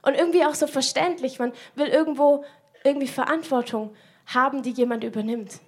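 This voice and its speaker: High-voiced woman preaching earnestly. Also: steady tone, fairly quick. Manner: earnest, searching rhetorical questions; speaks directly to the listener. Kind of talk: sermon.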